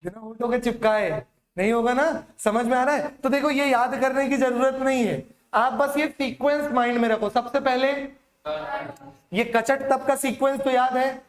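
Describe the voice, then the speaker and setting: High-voiced guy teaching hindi for exams, keeps asking and answering his own questions, echoey classroom. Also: fairly even intonation, moderate pace. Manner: repetitive question-and-answer drilling, asks and answers himself. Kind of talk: exam-prep classroom lecture.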